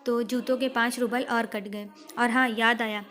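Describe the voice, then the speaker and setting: A woman plays a stern, lecturing householder who nags over money and then delivers a moral speech. The voice sits a little high and stays flat, reading steadily like a schoolbook play. Firm and measured throughout. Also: natural voice. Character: stern scolding middle-aged male householder.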